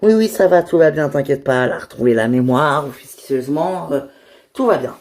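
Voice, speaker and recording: A woman voicing a shy, nervous young man in a toy figure series, speaking hesitantly with many pauses. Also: low-pitched, lively intonation, darkish tone, roomy sound.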